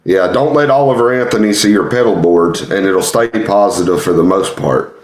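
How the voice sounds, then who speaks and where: A man's voice: fairly low pitch, normal speed, very noisy. A man chatting casually as a podcast co-host, conversational and reassuring in how he talks. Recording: roomy, echoey sound.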